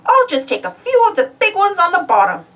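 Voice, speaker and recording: An excitable male cartoon duck, as a woman reader puts him on, high and exclamatory. His eager storybook lines leap around in pitch, slightly away from the microphone. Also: quick pace, far from the mic, heavily acted. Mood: pondering.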